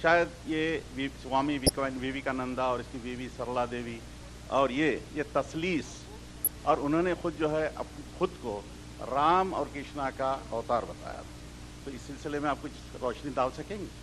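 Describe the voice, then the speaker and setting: A man's voice: mid-range voice, normal speed, fairly bright tone, slight background noise, low-quality recording. A man in the audience asking a question hesitantly, stumbling and restarting over names.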